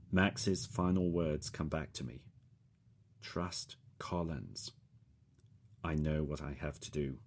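A man narrating a first-person thriller audiobook, measured and dramatic. His voice sits extremely low, a deep rumbling bass carrying every line. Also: a little mellow.

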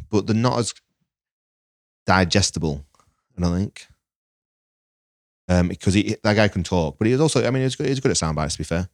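Very deep-voiced English man. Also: no room sound, studio quality. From England. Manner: rambling, swears casually. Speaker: strongman videographer guest. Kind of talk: casual podcast chat.

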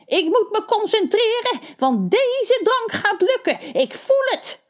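A woman voicing a grumpy, shrill old witch who has failed at her spells, in a storybook tale. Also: very animated, takes it slowly, exaggerated voice. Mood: shrieking. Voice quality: shrill, screeching.

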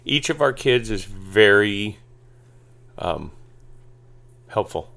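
A man's voice: lowish voice, lively intonation, slow pace, vocal fry, pushed and bright. A man co-hosting a casual podcast as a family coach, easygoing and plainspoken with a joking streak.

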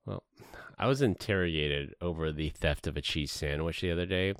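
A man's voice: extremely low pitch, moderate pace, clear, resonant tone, no echo, clean studio sound. A man telling jokes and bantering casually as a podcast co-host.

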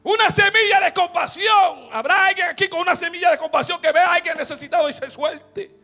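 A young male pastor with a very high, gravelly voice preaches with fervor, alternating loud shouted praise and quiet storytelling. His tone is bright and sharp. Soft music plays behind him. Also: a little fast. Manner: shouting with fervor, repeated hallelujahs, swings to hushed storytelling. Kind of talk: sermon.

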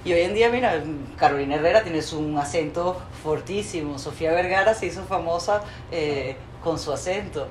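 Woman, interview host, low-pitched, effusive, opinionated, long sentences, echoey room. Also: fairly quick, few pauses. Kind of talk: casual interview chat. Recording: echoey room with faint ambient noise.

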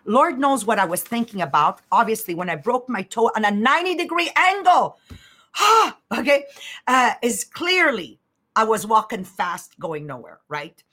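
Animated fifty-something woman podcast host. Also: fairly high pitch. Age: 50s. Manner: fast, animated storytelling with acted-out quotes. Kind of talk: casual podcast talk.

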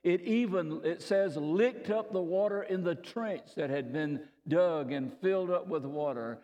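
Man preaching slow, kinda high voice, long echo like a big church. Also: mellow, lo-fi sound. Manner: slow, deliberate storytelling, dropping low on key phrases. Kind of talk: sermon. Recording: reverberant hall.

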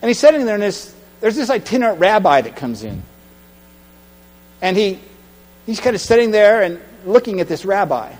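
A man preaching a sermon, retelling a story dramatically and swinging from hushed tones to loud cries. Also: high voice, big pitch swings, moderate pace, pauses often. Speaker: pastor. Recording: long hall reverb with mains hum.

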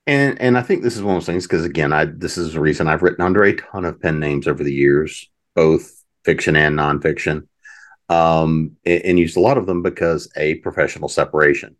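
Very deep-voiced male podcast host. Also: a little fast. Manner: rambling, reflective, repeats words as he starts sentences. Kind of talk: casual podcast conversation.

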